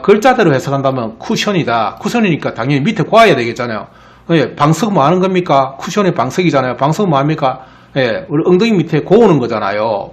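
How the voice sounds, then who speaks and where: Male lecturer, Gyeongsang accent, fairly high voice with swooping intonation, keeps asking "right?". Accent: Gyeongsang Korean. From Gyeongsang region of Korea. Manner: explains with frequent rhetorical questions. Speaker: etymology lecturer. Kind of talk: lecture over slides.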